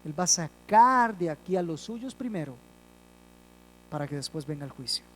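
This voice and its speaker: Male pastor, sermon delivery, dynamic swells and hushed endings, deliberate emphatic pacing. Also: a little high, lively intonation, slight background noise, poor audio. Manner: swells loud on key phrases, drops soft at line ends; slows down for emphasis.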